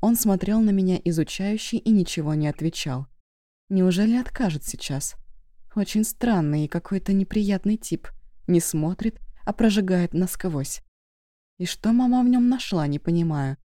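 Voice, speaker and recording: A woman narrating a first-person audiobook in a steady, even manner. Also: on the low side, moderate pace, no echo, studio quality.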